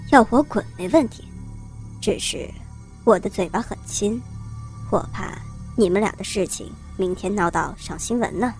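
Woman playing a sly, taunting young man, low and easy, mid-pitched. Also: moderate pace, darkish tone, faint music behind, natural voice. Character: smug scheming young man, a delivery worker.

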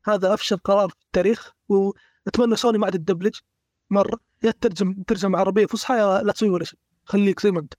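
A man's voice: sits high, steady tone, rapid-fire, a little mellow, no echo, studio quality. A man in a casual gaming discussion, blunt and emphatic as he complains.

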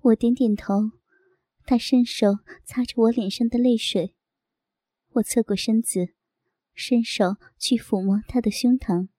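A woman narrating a first-person audio story in a soft, intimate, unhurried way. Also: a little high, no room sound.

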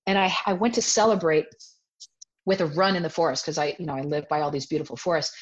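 A fast-talking woman with a low voice, a self-defense teacher in her forties, describes a personal experience in an interview. She's animated, quoting herself in character, and the sound quality is dull lo-fi.

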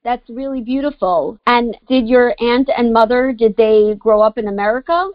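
Speaking at a moderate pace in a slightly high voice, a woman hosts an interview podcast with a cheerful, supportive, chatty manner. There's no echo; the lo-fi sound is dry and somewhat muffled.

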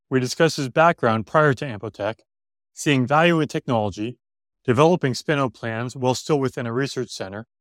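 A man hosting a podcast, reading a scripted intro and asking interview questions in a measured, upbeat way. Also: mid-range voice, no room sound. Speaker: podcast host.

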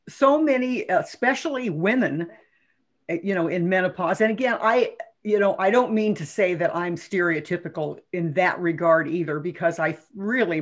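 Woman in her seventies, podcast guest, outspoken, enthusiastic, laughs easily. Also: fairly low pitch. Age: 70s. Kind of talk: casual conversation.

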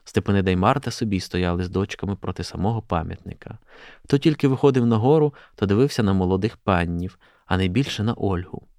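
A man, a journalist, reading a classic prose excerpt aloud in a steady, measured way. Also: low voice, dry recording, clean studio sound.

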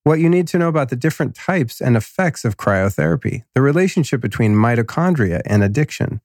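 Here a man hosts a podcast, his medium-pitched voice lively in intonation, fairly quick and darkish in tone. The studio sound is clean and dry. Though a cold leaves him a bit nasal, he stays relaxed, slangy and upbeat through the intro and ad reads.

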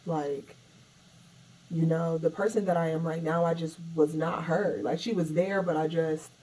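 A woman with a lowish voice, speaking loosely and expressively, swearing casually as she chats. She sits a little back from the microphone, so she sounds slightly distant. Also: steady tone, normal speed, a little mellow. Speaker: yoga instructor. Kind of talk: casual podcast chat.

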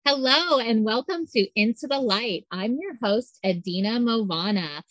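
A woman's voice: on the high side, expressive, moderate pace, fairly bright tone, no room sound, lo-fi sound, faint music behind. A woman hosting a spiritual podcast, interviewing a guest in an enthusiastic, casual way with some fillers. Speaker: podcast host.

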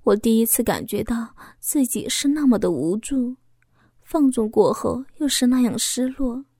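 A woman's voice: a little high, animated, moderate pace, mellow, no room sound, studio quality. A woman narrating a first-person story in an emotional, confessional reading.

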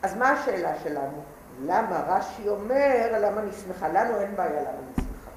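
A woman teaching a Torah class, lively and repeating key points as she questions the students. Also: mid-range voice. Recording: roomy echo, faint background noise.

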